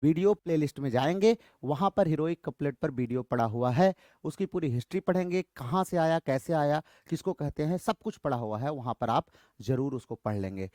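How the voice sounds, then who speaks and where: Guy teaching a lit quiz, slightly high voice, dry close sound, reads english options real slow. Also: expressive, mellow, no echo. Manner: reads English options slowly, then explains briskly in Hindi; addresses students as bachhon and beta, urges quick answers. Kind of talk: quiz lesson in Hindi mixed with English.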